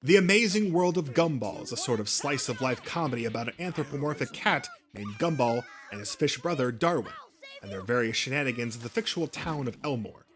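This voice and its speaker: A man's voice: medium pitch, lively intonation, fairly quick, music in the background. A man narrating a history of a cartoon channel, reading a script with small slips and restarts. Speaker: YouTube narrator.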